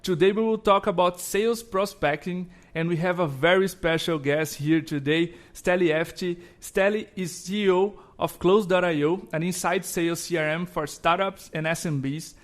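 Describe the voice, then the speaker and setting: A man from Brazil hosting a sales podcast, friendly and slightly halting, laughing often. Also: high voice. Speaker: podcast host. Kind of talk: podcast interview.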